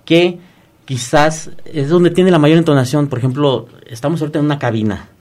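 A man, an online course teacher, explaining as a guest in a radio booth, often restarting words and filling pauses with "este". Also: a little high, steady tone, a little mellow. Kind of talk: explanatory interview talk.

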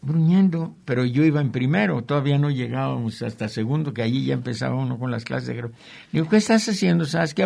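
A man's voice: fairly high pitch, gravelly. An older man with a Mexican accent, a printmaker guest telling rambling stories with chuckling asides. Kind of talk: anecdotal interview talk.

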